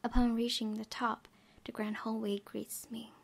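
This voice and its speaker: A gaming video host plays through a visual novel, reading its text aloud expressively and dropping spontaneous, giggly asides. Her voice is on the high side with vocal fry, level in tone, at a normal speed, over noticeable background noise and ambience.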